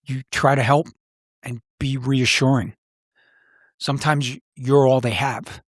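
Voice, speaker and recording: In an unhurried, steady mid-range voice with a slightly rough texture, a middle-aged podcast host tells personal stories. He used to be a police officer, and his conversational delivery is serious, plain-spoken and reflective. The studio-quality audio has no room sound.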